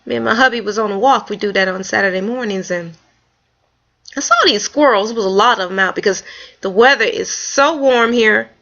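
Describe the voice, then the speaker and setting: A woman vlogger telling a story in a casual, animated, folksy way. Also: mid-range voice, a little fast. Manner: animated, folksy storytelling with Southern-leaning speech. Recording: dull lo-fi home video.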